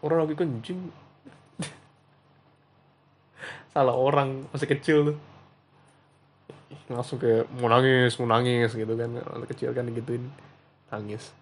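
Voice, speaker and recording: A man's voice: mid-range voice, steady tone, slow, pauses often. A young man hosts a podcast, telling funny stories in a casual, slangy way and laughing at himself. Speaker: podcast host. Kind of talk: casual solo storytelling.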